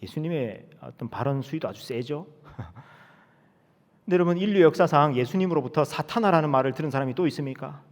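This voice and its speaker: A male pastor preaching a sermon, telling the story dramatically and moving between loud and hushed delivery. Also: on the high side, lively intonation, a little fast. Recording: reverberant church hall.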